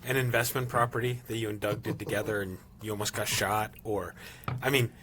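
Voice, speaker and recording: A man's voice: lowish voice, fairly even intonation, fairly quick, a bit bright, a little hiss or hum. A man hosting a podcast, asking teasing, jokey questions. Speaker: podcast host. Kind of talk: casual interview chat.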